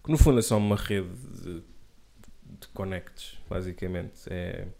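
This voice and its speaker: A man's voice: low voice, unhurried, vocal fry, warm tone, a little hiss or hum. A man co-hosting a casual political chat, delivering wry, sarcastic asides. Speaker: podcast co-host.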